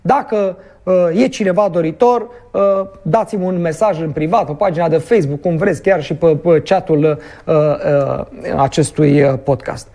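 Guy ranting on his podcast, dark gravelly voice, blunt slangy talk, lots of uhs. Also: on the high side. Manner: colloquial and heated, addresses listeners bluntly, many fillers. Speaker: podcast host. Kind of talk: ranting political commentary.

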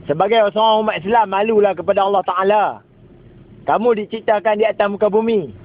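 A man's voice: high voice, steady tone, fairly quick. A man with a northern Malaysian Kedah accent, scolding and taunting in a preachy mock-sermon style of street talk. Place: inside a vehicle. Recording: tinny phone-like sound, vehicle noise.

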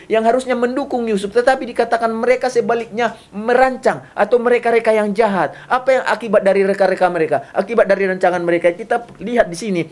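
A middle-aged man preaching a sermon as pastor, emphatic and repetitive, seated at a desk on a small studio set. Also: very high-pitched. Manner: emphatic, gestures with his hands while preaching; repetitive, builds lists of phrases.

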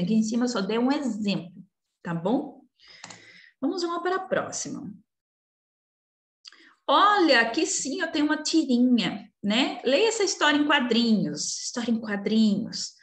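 Woman primary teacher, recorded lesson; high-ish, animated, patient and coaxing; roomy echo. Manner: slow, coaxing, talks down gently to young children. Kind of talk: recorded remote class walkthrough. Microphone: computer recording while sharing screen. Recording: echoey room.

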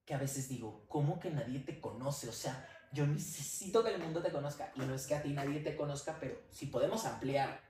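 A man's voice: on the high side, fairly quick, few pauses, crowd noise. Man hosting, roomy sound. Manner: friendly, rambling questions. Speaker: podcast host. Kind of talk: casual interview chat. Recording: roomy, slightly distant mic.

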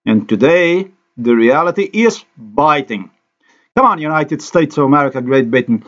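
A man's voice: a little high, animated, normal speed, fairly bright tone, lo-fi sound. Ranting man from Slovenia. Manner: ranting, accusatory, repetitive. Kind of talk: angry monologue over screen recording. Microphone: voice-over on screen recording.

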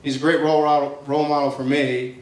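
With little pitch movement in his slightly high voice, a young best man delivers a halting, teasing, affectionate and informal wedding speech full of jokes. He speaks into a handheld PA mic in a large reception tent at night. A distant camera captures the echoey sound amid noisy guests.

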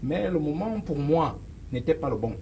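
Emphatic Cameroonian man, mellow voice. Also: fairly high pitch, lively intonation, normal speed, slight background noise, rough recording. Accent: Cameroonian French. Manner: emphatic, gestures while speaking, many hesitations. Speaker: political guest. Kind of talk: studio interview. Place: small studio set with sofas. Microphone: lapel.

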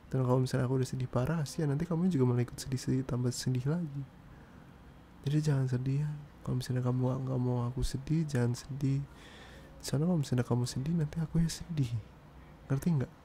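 A man's voice: mid-range voice, warm tone. A young man in a whispered role-play as a boyfriend, teasing and coaxing, repeating phrases soothingly and switching between Indonesian and English. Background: noisy neighbours faintly heard.

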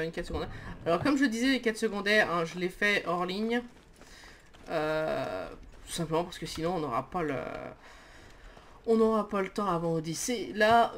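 A young man giving casual let's-play commentary in a rambling, hesitant way that often interrupts itself. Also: high voice. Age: young adult. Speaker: gaming video host.

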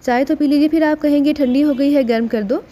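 Nagging but polite house servant guy, woman narrator doing him, mellow tone. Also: very high-pitched, fairly even intonation. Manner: respectful yet nagging. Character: loyal, cheeky male servant.

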